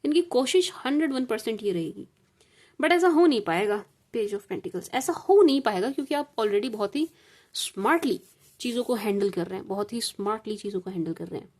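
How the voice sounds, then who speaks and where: A woman from India reads tarot cards for a general audience, with a voice set a little high. She talks in a loose, repetitive way and keeps reassuring her listeners. She slips English phrases into her Hindi and often adds "ठीक है जी". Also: lively intonation, a little fast, darkish tone. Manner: calls viewers "sweet sugar gems" and adds "ठीक है जी". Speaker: tarot reader. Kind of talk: collective tarot reading monologue.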